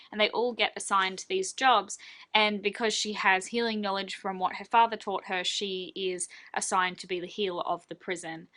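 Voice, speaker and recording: A woman's voice: mid-range voice, pushed and bright. A young woman from Australia, chatting casually in a reading vlog and gushing with lots of fillers. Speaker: book vlogger.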